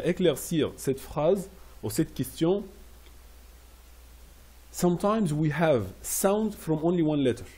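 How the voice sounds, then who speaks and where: Husky dark-voiced guy teaching french phrases, says each one over and over real slow. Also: a little high. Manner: explains French phrases in English, repeating each slowly. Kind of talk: classroom phrase lesson.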